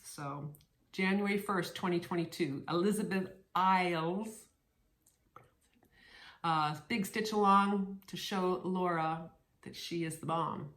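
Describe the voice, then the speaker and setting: A woman chatting casually on her cross stitch vlog, playful and warm with friends, often repeating words as she restarts. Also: on the low side, slow pace. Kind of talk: casual chat to camera. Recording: roomy echo.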